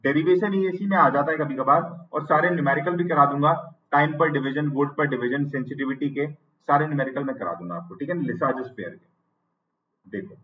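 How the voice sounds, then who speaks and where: A male teacher with an Indian English accent giving an online exam-prep lecture. He dictates notes slowly, repeats phrases, and asks and answers his own questions. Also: on the high side, far from the mic, narrow, tinny audio.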